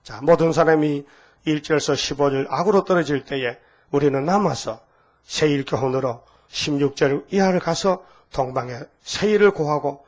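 An older man in his sixties preaching a sermon with a husky voice, emphatic and full of rhetorical questions to the congregation. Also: on the high side, normal speed. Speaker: pastor.

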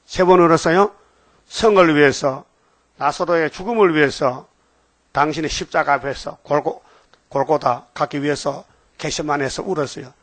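Animated preacher. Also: male voice, on the high side, normal speed, dry recording. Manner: animated storytelling, calls out for replies. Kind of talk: sermon.

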